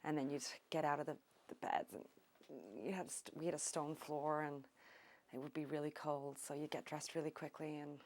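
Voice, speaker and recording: A middle-aged woman from Ireland, recalling her country childhood in an oral history interview, unhurried and thoughtful with many pauses. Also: low-pitched, little pitch movement, a little mellow. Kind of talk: reminiscing interview.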